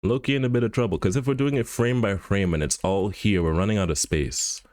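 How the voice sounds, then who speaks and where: Low-voiced man muttering while he works. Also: a little fast, a little mellow, no echo, studio quality. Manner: muttering to himself, thinking aloud, humming beeps. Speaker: streamer. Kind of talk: casual livestream commentary while animating.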